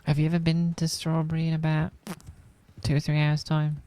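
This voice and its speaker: A woman's voice: low-pitched, completely flat delivery, a little fast, mellow. A woman speaking in character in a roleplay game, rambling and worried. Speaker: roleplay gamer.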